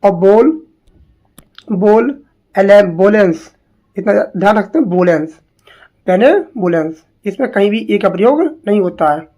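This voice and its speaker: A woman teaching English spellings to exam students, repeating each word slowly and asking questions as she goes. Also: mid-range voice, expressive, mellow. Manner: slow, drilling, repeats words and asks questions.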